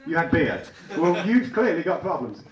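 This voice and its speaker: Recorded from afar in a small, echoey theatre lounge, the audio is very noisy and missing its high frequencies. On stage, a young English comic with a Liverpool-tinged Leicester accent jokes with the live crowd in a fairly high voice at a moderate pace. His manner is chatty and bantering, with bursts of excited yelping.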